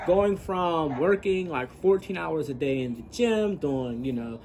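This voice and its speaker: A man's voice: on the high side, lively intonation, measured pace, a little mellow, a little hiss or hum. A man who works as a coach, thinking aloud in a casual, reflective, rambling vlog monologue outdoors. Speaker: fitness coach and gym owner vlogger.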